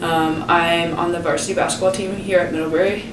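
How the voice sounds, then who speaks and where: A woman's voice: fairly low pitch, fairly even intonation, a little fast, background noise. Young woman telling a story, roomy and distant. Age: young adult. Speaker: student athlete. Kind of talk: casual interview.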